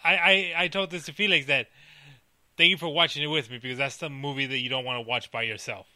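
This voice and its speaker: A man's voice: medium pitch, steady tone, quick pace, bright, forceful tone, no echo. A man co-hosting a podcast review in casual chat, hesitant and often repeating his words. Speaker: podcast co-host.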